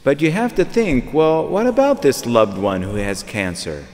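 A priest in his fifties preaches from the pulpit of a large church, speaking conversationally and repeating phrases while he searches for words. His voice is medium-pitched, animated and darkish, at a moderate pace. A distant camera captures him with long church reverb.

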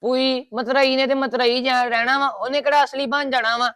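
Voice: high-pitched, little pitch movement, brisk, fairly bright tone, no room sound, clean studio sound. A young speaker playing a defiant grandson who argues back sulkily in a family web drama. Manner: sulky and defiant.

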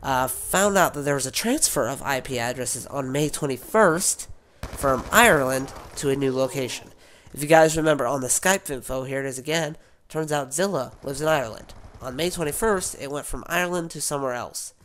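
A man's voice: mid-range voice, fairly quick, a bit bright. A man with a sick voice, rambling casually as a gaming YouTuber, with many fillers and restarts. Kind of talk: rambling casual vlog talk.

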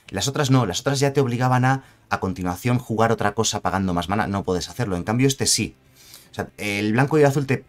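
A man from reviewing game cards in a chatty, self-correcting way, often asking "¿vale?" to his viewers. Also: fairly low pitch. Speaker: card game content creator. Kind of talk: casual card review commentary.

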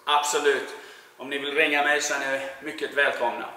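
His voice is mid-range and he talks a little fast. He is a painting contractor from Sweden in his forties with a Swedish accent, casually answering interview questions with many filler sounds, recorded on a lapel mic in a big indoor warehouse where echo and long reverb dominate.

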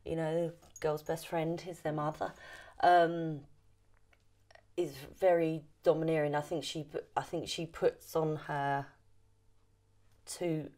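A woman in her thirties, an actor being interviewed, talking casually with many hesitant pauses. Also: sits low, level tone, darkish tone.

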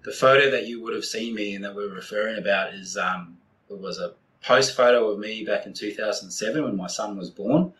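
Forties New Zealand man, lowish bright voice, blunt and sweary podcast guest telling it straight. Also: a little fast, slight background noise, poor audio. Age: 40s. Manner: blunt, heavy swearing, candid storytelling. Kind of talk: casual podcast interview.

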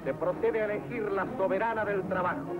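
A man's voice: high voice, fairly even intonation, fairly quick, noisy background. A man narrating a 1940s newsreel in a solemn, florid, declamatory style. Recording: tinny band-limited 1940s newsreel soundtrack. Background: orchestral music.

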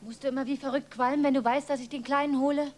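A sharp-tongued young wife, voiced by a woman in a dubbed film, scolding and biting. Her voice sits high and carries a nagging edge. She fires off reproaches one after another. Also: fairly even intonation, quick pace, slight background noise, lightly acted.

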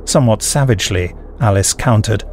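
A man reading scripted fiction in a measured, theatrical way with weighty pauses. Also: on the low side, a little mellow, slight background noise. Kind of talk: dramatic scripted narration.

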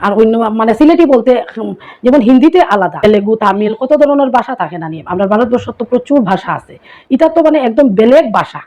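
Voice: mid-range voice, expressive, brisk, darkish tone, muffled recording. A vlogger with a Sylheti accent talks straight to viewers in a loose, casual way. They explain one word after another and keep tossing rhetorical questions at the audience. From Karimganj, Assam, India. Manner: chatty, keeps asking listeners rhetorical questions. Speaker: small content creator.

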